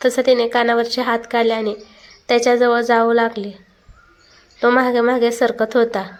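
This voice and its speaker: A woman reading a family drama aloud as the storyteller, steady and emotive. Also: a little high, normal speed. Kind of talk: storybook narration.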